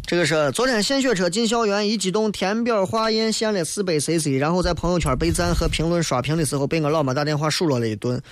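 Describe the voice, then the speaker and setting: Male radio host, Shaanxi accent, slightly high voice, blunt colloquial late-night chat over music. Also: fast talker, few pauses. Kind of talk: casual late-night radio monologue, reading and answering listener messages.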